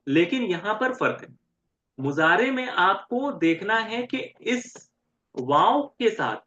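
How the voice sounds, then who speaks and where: Lively male teacher quizzing his class. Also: sits high, slight background noise. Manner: keeps checking with "right?" and quizzing students; spells out syllables slowly and repeats them. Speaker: Arabic grammar teacher. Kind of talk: classroom lecture. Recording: roomy and dull, lo-fi.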